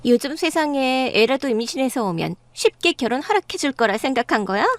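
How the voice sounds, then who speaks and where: A woman's voice: high voice, lively intonation, fairly quick, no echo. A woman voicing a scornful, domineering middle-aged mother-in-law in a dramatized story. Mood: scolding. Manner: sneering, scolding.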